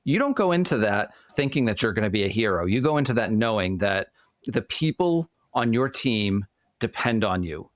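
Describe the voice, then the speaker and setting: Male podcast guest, Boston accent, lower voice, explanatory, asks and answers his own questions, very dry recording. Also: very animated, moderate pace, no room sound. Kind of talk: explanatory interview talk.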